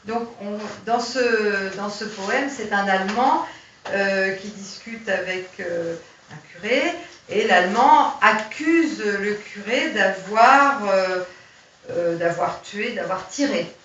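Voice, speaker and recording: A woman's voice: mid-range voice, slow, fairly bright tone. A woman giving informal, hesitant commentary on poems at a library lecture, with many fillers and restarts. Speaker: poetry reader at a lecture. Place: public library hall. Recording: roomy, distant, dull sound, faint hiss.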